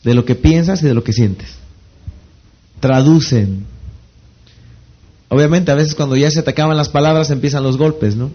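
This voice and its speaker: A slightly high-pitched man with a Mexican accent lectures a seminar audience and keeps tossing out rhetorical questions for them to answer. The recording sounds dull and lo-fi. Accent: Mexican Spanish. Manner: rhetorical questions, pausing for the audience to fill in words. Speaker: network marketing trainer. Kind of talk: motivational seminar talk.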